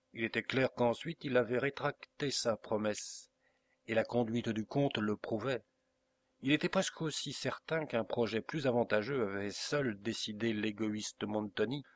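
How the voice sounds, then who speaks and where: A man reading a classic novel aloud as an audiobook narrator, measured and expressive. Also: fairly low pitch, no echo. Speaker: audiobook reader.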